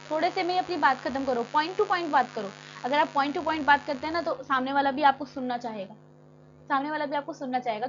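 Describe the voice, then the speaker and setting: Woman teacher with a high voice. She reads lines slowly, then explains them chattily. The recording is dull and lo-fi, with a faint hum. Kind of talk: classroom lecture.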